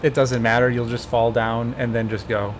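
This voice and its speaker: A man's voice: mid-range voice, moderate pace. Guy in his 20s walking a friend thru a speedrun, chill, laughs a lot, humming fan noise behind. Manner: relaxed, explains step by step, laughs often. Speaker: streamer coaching a speedrun. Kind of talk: casual gameplay chat.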